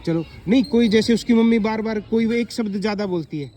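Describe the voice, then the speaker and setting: A man teaching young pupils in a classroom, asking them questions and slowly reading example sentences aloud. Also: high-pitched, warm tone, a little hiss or hum. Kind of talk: classroom explanation to children.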